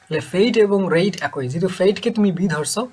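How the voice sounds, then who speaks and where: A male teacher talks through a recorded lesson, his voice sitting a little high. He explains step by step, pausing and repeating key points so students can follow. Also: a little mellow. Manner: slow, patient explaining with repetitions. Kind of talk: recorded lecture.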